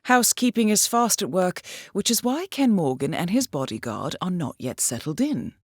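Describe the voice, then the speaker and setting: As a cool mission handler guiding an assassin in a spy game, she sounds wry and intrigued, her lowish, husky voice exaggerated, composed, and clipped but richly varied in intonation. She keeps a moderate pace, and the scripted briefing is recorded close and dry.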